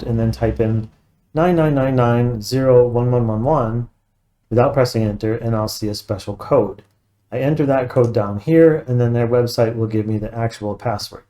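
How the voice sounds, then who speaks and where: A man's voice: mid-range voice, dark tone. A man working as a computer repair technician talks through a casual tech walkthrough, methodical and matter-of-fact, thinking aloud as he goes.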